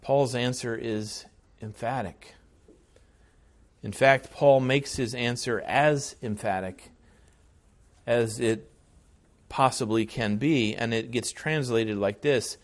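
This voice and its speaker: Male pastor, sermon delivery, unhurried and earnest, medium pitch, emphatic repetition. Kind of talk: expository sermon.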